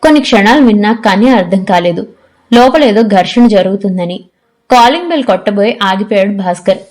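Woman narrator, measured and steady, reading an audio novel. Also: medium pitch. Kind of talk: scripted narration.

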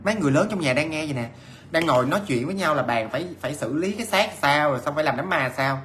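A man's voice: fairly high pitch, animated, racing, a bit bright, slight background noise. Chatty male storyteller. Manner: chatty, repeats himself, many fillers and restarts. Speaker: ghost story narrator. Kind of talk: casual storytelling.

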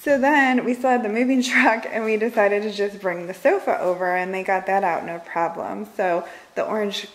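Holding a handheld camera and keeping herself off screen, a home vlogger in her thirties tours her big house, with its open living room and kitchen, chatting cheerfully with lots of fillers. She speaks at medium pitch and normal speed with fairly even intonation and few pauses. The recording is rough.

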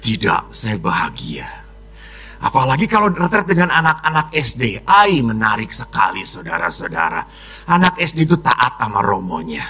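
Animated, bright-voiced priest preaching a homily. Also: male voice, medium pitch, vocal fry, soft background music. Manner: lively preaching, acts out children and wives in quick voices.

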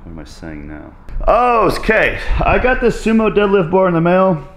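A man in his thirties chatting casually to camera for a fitness vlog, goofy and excitable, jumping between loud bursts and low asides. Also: normal speed, noisy background. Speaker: fitness vlogger. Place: echoey home gym. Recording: echoey room.

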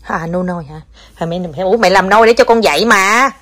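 A woman's voice: medium pitch, a little fast, fairly bright tone. A woman, a mother chatting casually to viewers at home while teasing her young child.

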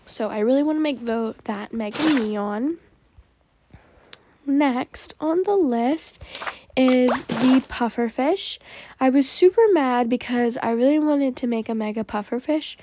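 A woman's voice: high-pitched, measured pace, noisy background. A young woman hosting a gaming channel, chatting casually about her game pets and often saying "like" and "um". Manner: chatty, says "like" and "um" a lot.

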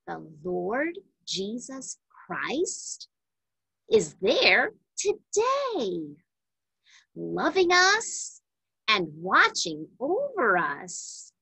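A woman reads a children's Bible story aloud with deliberate, emphatic phrasing. Her bright, slightly husky voice sits on the high side and swings hugely in pitch. The recording is close and dry with no echo.

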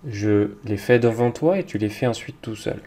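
A man teaching young children, talking slowly and patiently, with hesitant fillers. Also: fairly low pitch. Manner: speaks slowly to a child, hesitant fillers, loudly claps out each word. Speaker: kindergarten teacher.

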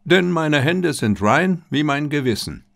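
A man voicing a calm, dignified general. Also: on the high side, gravelly, dry recording, clean studio sound, voice pushed up, heavily acted. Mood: composed. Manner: calm, measured.

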